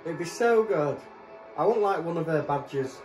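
A woman co-hosting a TV reaction video, chatting casually and yelling at the screen when excited. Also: low-pitched, moderate pace, reverberant, music in the background.

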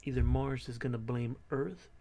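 A man in his thirties talking casually to camera in a quiet, low but clear voice, hesitantly thinking aloud as he goes. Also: fairly even intonation, moderate pace. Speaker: host of a reaction and discussion video. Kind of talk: casual unscripted commentary to camera. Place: small bedroom in an apartment.

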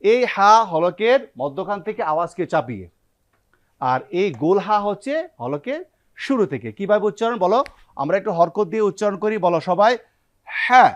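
A man's voice: sits high, expressive, moderate pace. A man with a Bangladeshi Bengali accent, hosting a Quran recitation lesson in a television studio and leading students through repeated pronunciation drills. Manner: leads students in call-and-response drills. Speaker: Quran recitation teacher and host. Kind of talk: TV classroom lesson.

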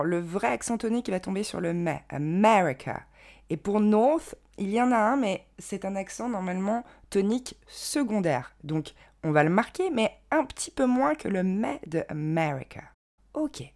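Young female teacher, bouncy melodic delivery, spells out sounds slowly for learners. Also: mid-range voice, darkish tone. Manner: clear, slow modelling of each word. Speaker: English pronunciation teacher. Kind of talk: online pronunciation lesson.

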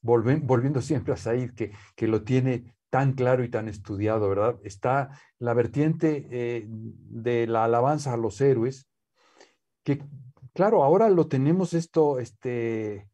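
A Mexican scholar, nephew of a poet, is a guest in a relaxed conversational interview, seated in a living room with bookshelves. His mid-range voice has a warm, mellow tone, and he speaks slowly and unhurriedly, hesitating often with many "este" fillers and restarts.

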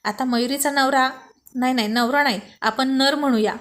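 A quick-witted young man full of teasing comebacks, as a woman reads him aloud. He comes through in a fairly high voice and needles his friends with dry jokes in a spoken love story. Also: steady tone, fairly bright tone. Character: witty teasing young man, gang leader.

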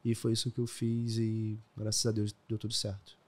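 A man's voice: on the low side, monotone, normal speed, darkish tone. A young man in his twenties with a Brazilian Portuguese accent, a guest telling stories in a casual podcast interview and laughing often. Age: 20s. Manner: storytelling, laughs often, says "velho". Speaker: guest trader.

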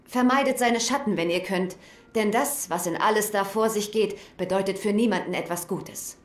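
A woman's voice: medium pitch, normal speed, natural voice. An actress voicing a worried, grave female gnome alchemist in a dubbed video game. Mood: ominous. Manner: grave and fretful. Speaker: game character. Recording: echoey game audio.

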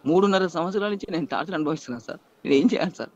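A man's voice: on the high side, lively intonation, very fast, darkish tone, highs cut off. A man, pleading emotionally in a news interview and repeatedly appealing to the interviewer. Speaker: interviewee, estranged husband.

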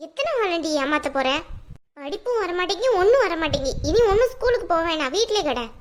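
A woman's voice: very high-pitched, very animated, fairly quick, a little hiss or hum. A woman voicing an angry Tamil mother in a cartoon, scolding her daughter with a Tamil accent. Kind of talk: cartoon voice acting.

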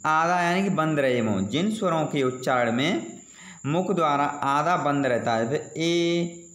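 A man's voice: fairly high pitch, lively intonation, normal speed, a bit bright. Echoey male Hindi teacher, self-questioning. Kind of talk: exam prep lesson explaining Hindi vowels.

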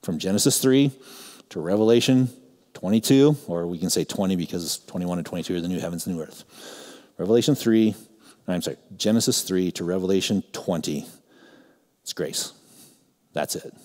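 Low-voiced man preaching in a reverberant church. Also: brisk. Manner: teaching, conversational, swings between emphatic and quiet asides. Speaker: pastor. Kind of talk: sermon. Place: church sanctuary.

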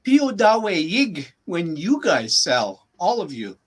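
A man teaching a language in a casual lesson, patiently repeating phrases slowly for his learner. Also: high voice, huge pitch swings.

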